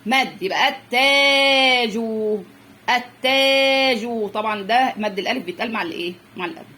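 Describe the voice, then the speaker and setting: A woman's voice: medium pitch, very fast, fairly bright tone. A young woman with an Egyptian accent teaching children's reading to parents, drilling letter sounds and stretching out words as she repeats them. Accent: Egyptian Arabic. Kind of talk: phonics lesson for parents.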